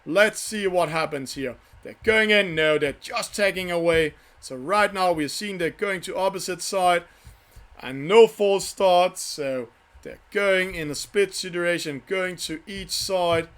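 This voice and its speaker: A man hosting and commenting live on an online sailing race from a studio, with halting, self-correcting phrasing. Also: sits high, fairly bright tone.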